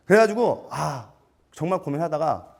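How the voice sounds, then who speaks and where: A man giving a storytelling seminar lecture, animated and self-mocking, acting out quotes and putting questions to his audience. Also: a little high, normal speed, vocal fry. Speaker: lecturer for martial arts gym instructors.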